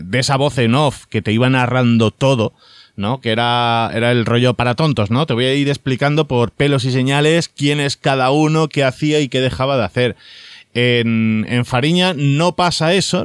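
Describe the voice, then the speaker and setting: Smooth-voiced man chatting about TV. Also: mid-range voice, no echo, clean studio sound. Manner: rambling, with many fillers and restarts. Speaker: podcast co-host. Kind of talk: casual chat about TV series.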